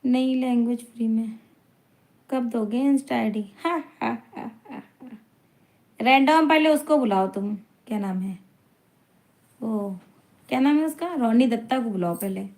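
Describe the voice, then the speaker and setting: High-voiced chatty woman live streamer. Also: a little slow, pauses often, darkish tone. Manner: chatty, teasing, laughs often. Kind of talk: live-stream chat, reading viewer comments aloud.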